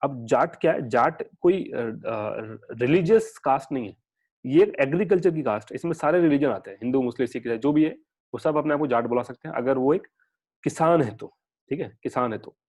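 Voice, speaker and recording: Fast-talking male exam-prep teacher. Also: mid-range voice, animated, darkish tone. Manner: chatty, digressive, mixing English terms into Hindi. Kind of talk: casual online lecture.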